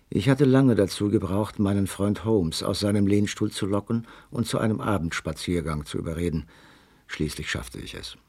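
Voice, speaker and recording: A sober, loyal gentleman doctor, measured and understated in a radio play. His voice is low and husky, recorded very dry. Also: no room sound, exaggerated voice. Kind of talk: radio play narration and dialogue.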